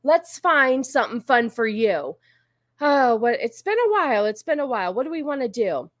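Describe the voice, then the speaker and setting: A woman with a slightly high voice hosts a livestream. She talks informally to her viewers and drifts from thought to thought. The sound is close and dry. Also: sing-song, moderate pace, fairly bright tone, dry recording. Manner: informal, rambling, easily sidetracked. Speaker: livestream host. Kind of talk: casual chat with live viewers.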